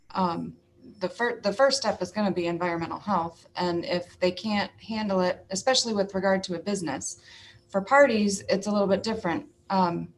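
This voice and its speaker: A woman's voice: mid-range voice, slight background noise, poor audio. A woman giving matter-of-fact explanatory answers as an official on a conference call.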